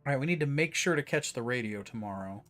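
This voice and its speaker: A man's voice: medium pitch, expressive, fast talker, a bit bright, faint music behind. A man streaming a horror game, giving casual commentary with wry asides. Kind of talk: gameplay commentary.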